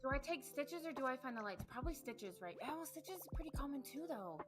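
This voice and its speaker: A woman co-hosts a relaxed podcast stream and talks in a meandering, self-mocking way. Her pitch runs a little high and moves a lot. Game music plays clearly behind her. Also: fast. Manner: rambling, chatty, self-deprecating. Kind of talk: casual chat while playing a game.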